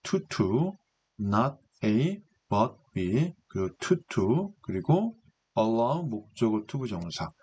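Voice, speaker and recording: Husky-voiced man teaching English grammar. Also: fairly low pitch, very animated, drawn-out words, warm tone. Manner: patient, explanatory, asks and answers his own questions. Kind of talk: lecture explaining English grammar.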